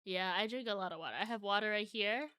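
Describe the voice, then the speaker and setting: Woman, variety streamer, cute bubbly anime-streamer manner, clean crisp tone, close dry sound, casual live chat. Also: medium pitch, quick pace, sharp tone, no room sound. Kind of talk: casual livestream chat with viewers.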